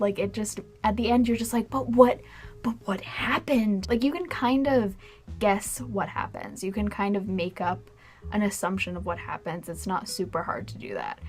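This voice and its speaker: Tipsy young woman rambling about movies. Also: mid-range voice. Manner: rambling, informal. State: tipsy, getting drunker. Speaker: video blogger reviewing films. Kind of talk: casual chatty movie review to camera.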